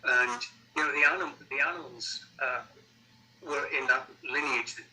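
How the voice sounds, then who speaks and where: A middle-aged or older man with a Sunderland accent, chatting casually as an interviewed musician, halting and repeating words as he thinks. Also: medium pitch, fairly even intonation, sharp tone, slight background noise, rough recording. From Sunderland, North East England.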